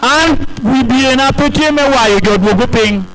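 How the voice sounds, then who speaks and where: Male interpreter, high-pitched voice, podium speech delivery, short relayed phrases. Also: normal speed, fairly bright tone, rough recording. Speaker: consecutive interpreter at a ceremony.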